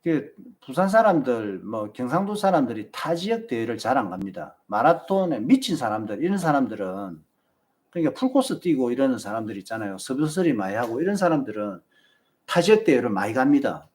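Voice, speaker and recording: A man's voice: medium pitch, big pitch swings, fairly quick, darkish tone. A man with a Busan Gyeongsang accent, hosting a marathon channel and chatting casually with viewers and giving them advice. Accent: Busan Gyeongsang Korean. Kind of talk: casual live-stream chat.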